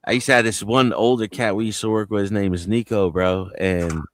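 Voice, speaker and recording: A man's voice: lowish voice, fairly even intonation, a little fast, no room sound. A man chatting on a live panel stream, telling loose, profane stories in a casual way. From New Jersey. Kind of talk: casual livestream panel chat. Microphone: home mic on a video call.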